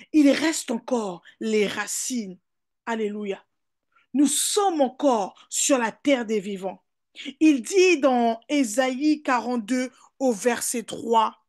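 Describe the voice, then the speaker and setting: Woman pastor preaching hard, high voice, keeps saying hallelujah, gets loud then drops soft. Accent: French. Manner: fervent preaching with repeated hallelujahs and beloved; rises to emphatic calls, drops to soft asides. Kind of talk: sermon.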